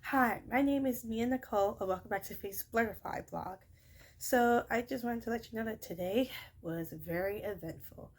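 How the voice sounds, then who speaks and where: A young woman who works in childcare recaps her day in a casual vlog, her high, shrill voice rambling at a moderate pace with plenty of fillers and self-corrections. A little hiss or hum sits under the recording.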